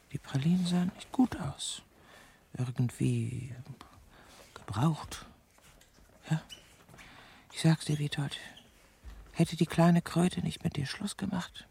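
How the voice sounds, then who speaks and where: An actress in a radio drama plays a bitter, jealous middle-aged woman harboring secret murderous spite, speaking in a low, gravelly, often whispery voice with clipped, venomous control. The exaggerated yet mellow performance suits an intimate monologue and dialogue, with slight background noise.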